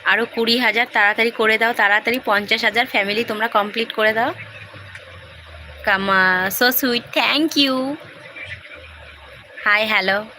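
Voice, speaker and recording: Woman, soft hushed talk, casual live-stream chat, faint noise behind. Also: fairly high pitch, fairly even intonation, a little slow, long pauses. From Hooghly, West Bengal, India. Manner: speaks softly while her son sleeps.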